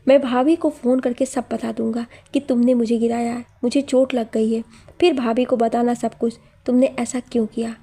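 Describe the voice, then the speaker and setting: A woman's voice: on the high side, flat delivery, normal speed, mellow, slightly rough. Woman voicing a whiny, accusing young man. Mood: complaining. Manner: complaining, demanding.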